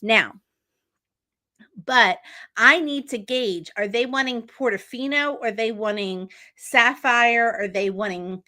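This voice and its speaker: A woman's voice: a little high, slow pace, bright, forceful tone. A woman teaching travel agents how to qualify clients, chatty and upbeat, often checking in with "okay?". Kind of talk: teaching talk to an audience.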